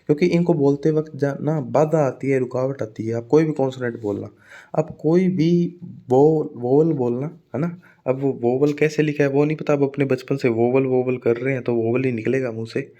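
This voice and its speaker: A man's voice: mid-range voice, moderate pace, dark tone. A man teaching an exam-preparation phonetics lecture in a casual classroom manner, often checking in with his students as he explains.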